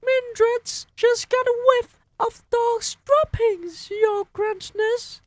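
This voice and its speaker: A man voicing a crowd of alarmed female witches in a piercing falsetto, reading a storybook aloud. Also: steady tone, takes it slowly, no echo. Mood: shrieking alarm. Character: shrieking, screeching chorus of female witches.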